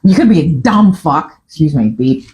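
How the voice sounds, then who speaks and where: With a mid-range, expressive, slightly mellow voice at normal speed, a podcast host from Fiji, in their 50s, speaks Fijian-accented English. The morning chat is casual and opinionated, full of restarts and the odd curse.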